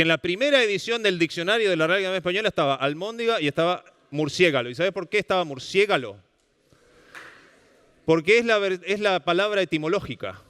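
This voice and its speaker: With a Rioplatense Argentine accent and a fairly high, clear voice, a male speaker gives a lively public lecture on language at a cultural center. He often throws questions to the room, and the hall adds a long reverb.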